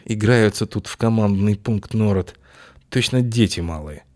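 A man reading an audiobook voices a nervous young man bluffing his way through a seedy club, with slow, exaggerated, mannered speech. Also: lowish voice, mellow, close to an everyday voice.

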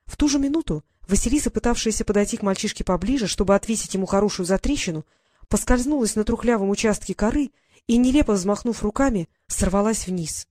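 Woman narrator for a fantasy audiobook, even delivery, dry close recording. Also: mid-range voice, fast, no echo. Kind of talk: scripted narration.

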